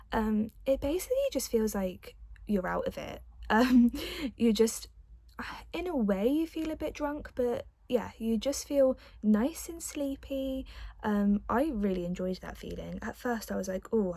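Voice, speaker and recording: A woman's voice: medium pitch, warm tone, dry recording. A young adult woman telling a personal story in a casual, chatty vlog style, with the odd light giggle. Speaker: vlogger.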